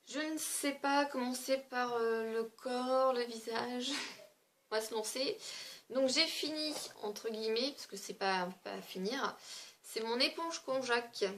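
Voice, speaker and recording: A woman's voice: fairly high pitch, a bit bright. A woman beauty vlogger chatting casually through a product review, talking loosely with frequent fillers and small hesitations.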